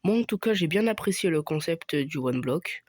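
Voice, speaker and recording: A man's voice: a little high, expressive, moderate pace, no room sound, clean studio sound. A young man giving casual commentary over his own gameplay, thinking aloud with many hesitations and fillers. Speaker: gaming youtuber.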